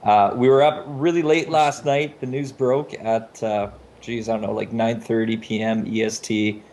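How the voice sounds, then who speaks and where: Talking in a chatty, informal manner, this podcast host runs his casual video show over Skype. He has a mid-range, darkish voice, keeps a fairly even intonation, and moves at a moderate pace.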